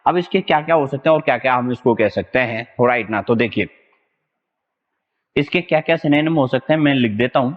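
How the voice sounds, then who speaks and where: Casual young male tutor, mid-pitched, repeats a pet phrase, jokey memory tricks; echoey, muffled classroom recording. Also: a little fast. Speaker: exam vocabulary teacher. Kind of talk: online lesson with whiteboard.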